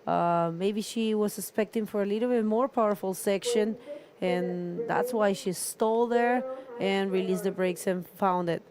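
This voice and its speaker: A woman's voice: medium pitch, unhurried, crowd noise. A woman giving live surf contest commentary with casual asides, talking through the action in short, repeated phrases. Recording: noisy live outdoor event broadcast.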